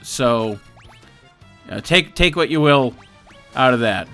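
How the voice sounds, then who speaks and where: A loud, grumpy sidekick, played by a man in an improvised comic bit, complaining in exasperated bursts with a bright, forceful edge to the voice. Faint game music plays behind him. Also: mid-range voice, expressive, slow, exaggerated voice.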